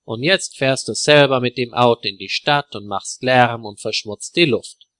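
A man's voice: mid-range voice, moderate pace, fairly bright tone, no room sound, clean studio sound, natural voice. A scolding angry wife, as a male narrator puts her on.

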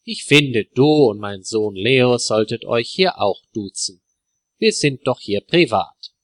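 A man's voice: mid-range voice, expressive, takes it slowly, dry recording, studio quality. A man voicing an older father in a spoken story, lecturing his grown son indignantly. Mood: friendly.

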